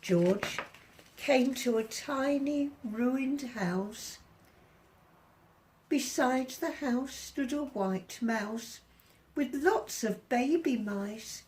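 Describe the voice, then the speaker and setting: A woman's voice: sits high, drawn-out words, a little mellow, rough recording. A woman reading a children's storybook aloud expressively, as a volunteer reader.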